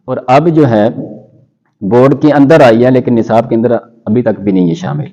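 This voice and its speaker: A man who teaches Quran recitation, answering interview questions in a measured way and quoting scholars in Arabic. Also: medium pitch, warm tone, lo-fi sound.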